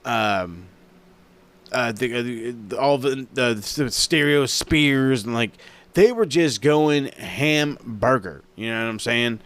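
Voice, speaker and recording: Young male host, loose and profane, rambles with excitement, mid-range voice. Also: medium pitch, slow, clean tone. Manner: rambling, swears a lot, excitable. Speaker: wrestling review podcast host. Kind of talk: casual profane recap.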